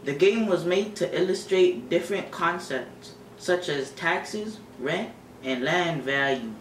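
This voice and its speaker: Teenage boy, high voice, scripted old newsreel announcer, roomy home recording, noisy. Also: animated, takes it slowly, fairly bright tone, far from the mic. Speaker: news anchor and reporter in a student skit. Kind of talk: scripted mock 1930s newsreel reporting. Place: small room at home, indoors.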